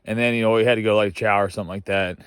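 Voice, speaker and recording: A man's voice: fairly low pitch, fairly even intonation, racing, smooth, no room sound, clean studio sound. A man from Washington State telling casual stories as a Marine veteran, rambling, swearing heavily and laughing often. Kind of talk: casual storytelling.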